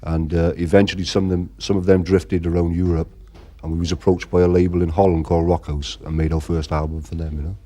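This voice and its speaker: This middle-aged Irish band frontman is a fast talker with few pauses, a low, mellow voice and little pitch movement. Chatting casually in an interview, he rambles and says "you know" all the time.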